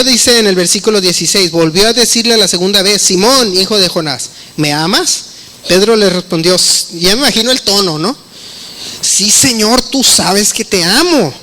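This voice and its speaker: Man, high bright voice, chatty sermon, faint background noise. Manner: conversational, acts out quoted dialogue. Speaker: preacher.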